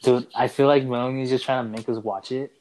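A teenage guy joking around on a podcast with his buddy, teasing and quick to laugh. His voice sits at an ordinary, middle pitch. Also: flat delivery, darkish tone, poor audio. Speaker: podcast co-host. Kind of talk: casual chat.

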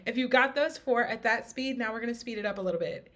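A woman's voice: fairly high pitch, quick pace, fairly bright tone. A woman vocal coach giving an upbeat, encouraging singing lesson, singing short examples between explanations. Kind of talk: singing lesson with sung demonstrations. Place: home studio podcast.

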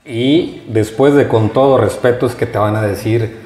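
A man co-hosting a casual talk show, calm and agreeable. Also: medium pitch, normal speed. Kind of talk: casual chat. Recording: echoey room.

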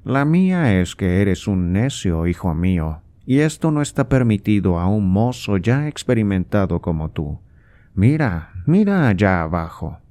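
A man's voice: low-pitched, big pitch swings, measured pace, mellow. A man reading aloud and voicing a scornful, impatient old nobleman who scolds his son with sarcasm. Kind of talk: audiobook character voice.

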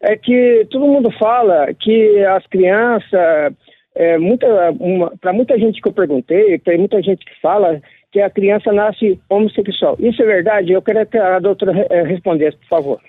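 A man from the São calling in over the phone, asking a question politely and haltingly with restarts. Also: high-pitched, no echo. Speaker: caller. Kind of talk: call-in question. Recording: tinny phone line.

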